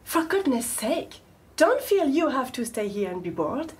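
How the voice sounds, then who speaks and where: With a high voice, big pitch swings and a measured pace, an actress voices a prim, hurt woman speaking to her boyfriend with cold, sarcastic courtesy. The naturalistic film scene is set in a home's living room, recorded with roomy echo and a faint hum; her manner is icily polite, passive-aggressive and self-pitying.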